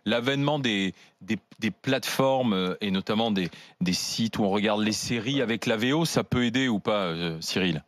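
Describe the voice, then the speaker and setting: A man's voice: on the low side, moderate pace, hardly any pauses, dry recording. A man hosting a radio talk show, greeting callers and asking polite questions.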